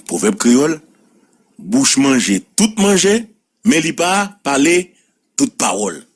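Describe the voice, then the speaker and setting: A man with a Haitian accent hosting a radio show, giving opinionated commentary with emphatic, drawn-out repetitions. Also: fairly high pitch, big pitch swings, slightly rough. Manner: emphatic, sing-song stresses, drawn-out repetitions.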